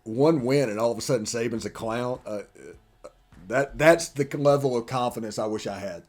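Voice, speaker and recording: A man's voice: mid-range voice, moderate pace, a little mellow. A man hosting a college football podcast in casual chat, joking with loose run-on sentences. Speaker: podcast host.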